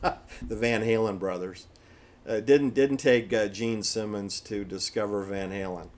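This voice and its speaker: A man's voice: on the low side, steady tone, a little slow. A man with an American accent delivers an opinionated, improvised monologue, making blunt, dismissive assertions and repeating phrases for stress. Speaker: solo commentator.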